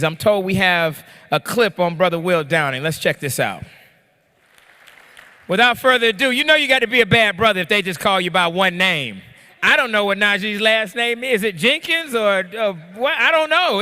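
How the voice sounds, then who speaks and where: Loud excited man presenting in a hall. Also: high voice. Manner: loud, excited, calls out to the crowd. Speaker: ceremony presenter. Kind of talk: energetic ceremony speech. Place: large hall.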